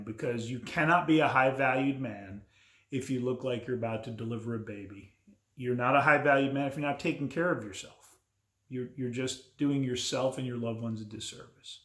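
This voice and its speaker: A middle-aged man speaks to camera in a casual, reflective monologue, blunt and candid, his sentences often stopping and restarting. His voice sits at an ordinary middle pitch. The room around him gives a noticeable echo. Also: fairly bright tone. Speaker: men's coach and vlogger. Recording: roomy echo.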